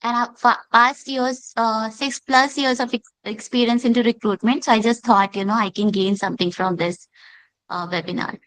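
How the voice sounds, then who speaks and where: A woman's voice: fairly high pitch, steady tone, normal speed, fairly bright tone, rough recording. A woman from India attending a webinar on a video call, talking casually with many fillers. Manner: chatty, uses "like" as filler.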